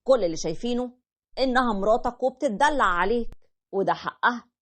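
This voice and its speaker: A woman with an Egyptian accent, telling a first-person story in a brisk, aggrieved way. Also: on the high side, animated, a bit bright.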